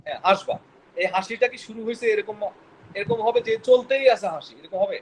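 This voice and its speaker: Here the biology teacher sounds high and lively in intonation, moving fairly quickly while he questions the class, slips English terms into explanations, and stumbles verbally. Audio is poor, with slight hiss or hum.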